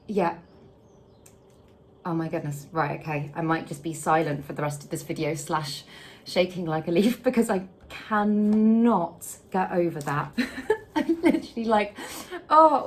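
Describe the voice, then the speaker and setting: Still a little croaky from a late night, a young British woman who makes houseplant content vlogs an unboxing in a middle-pitched voice over faint background hiss. Gushing and excitable, she repeats herself and bursts out laughing.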